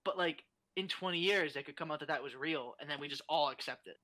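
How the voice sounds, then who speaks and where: A man's voice: on the high side, fast, sharp tone. A young adult man talking as a guest in a casual podcast chat, ranting animatedly and swearing a lot.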